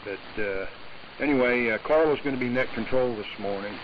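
A man's voice comes through a mistuned AM ham radio, buried under heavy static and hiss. The sound is dull and lo-fi. His pitch is medium, and he chats in a relaxed, halting way with frequent pauses. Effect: heard over a mistuned, noisy AM ham radio. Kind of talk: casual on-air radio chat. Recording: hissy, muffled shortwave radio reception.

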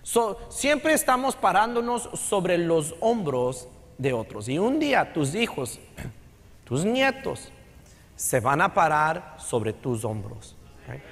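On a large church stage, a middle-aged pastor from Texas gives a chatty sermon in Texan Spanish, code-switching into English. His somewhat high, slightly bright voice swings widely in pitch at a slow pace. The long reverb of the sanctuary hangs on every word.

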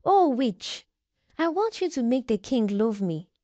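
A woman's voice: a little high, big pitch swings, unhurried, mellow, no echo, dull audio. A jealous young village beauty, voiced by a woman. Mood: demanding. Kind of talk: storybook narration. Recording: music bed behind the voice.

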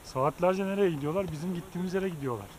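A man's voice: sits high, fast, a little mellow, low-quality recording. A man in his thirties chatting playfully with a child while hiking, recorded on a body-mounted action camera on a forest trail. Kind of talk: casual chat while hiking.

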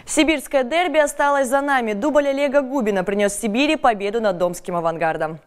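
A woman's voice: fairly high pitch, brisk, smooth. A young woman reading scripted sports news as a studio anchor.

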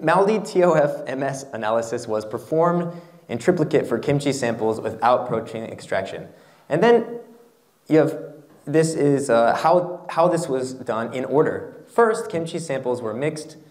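A male lecturer on academic writing gives a workshop lecture, explaining slides to a seated audience in a lecture hall through a handheld microphone. His mid-range voice comes out halting and instructional, and he checks in with "okay" and "right."

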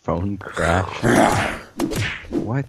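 A man's voice: deep voice, expressive, drawn-out words. A man playing along in voice chat, casual and easily panicked, repeating "no" when things go wrong. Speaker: co-player. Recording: dull voice chat with faint hiss.

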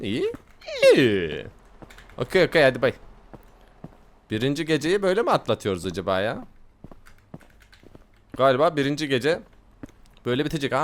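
A man's voice: mid-range voice, a little hiss or hum. A young man hosting a game video, joking, laughing often and translating lines aloud in casual commentary. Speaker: gaming video host. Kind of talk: casual let's-play commentary.

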